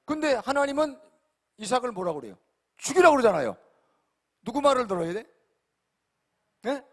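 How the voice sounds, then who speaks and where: A male pastor preaching an emphatic sermon, repeatedly questioning his congregation and swinging between loud and quiet. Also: very high voice, sing-song, moderate pace. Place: large church sanctuary. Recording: long hall reverb.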